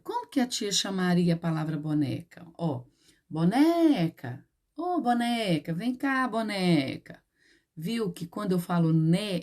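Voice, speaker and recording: A woman's voice: fairly low pitch, a little mellow. A woman with a Brazilian Portuguese accent, a primary school teacher patiently explaining a lesson to children step by step.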